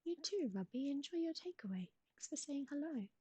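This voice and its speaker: A woman whispering recipes in a soft ASMR style, close to the mic, with gentle asides to a pet. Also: sits high, animated, brisk, no room sound. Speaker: ASMR streamer.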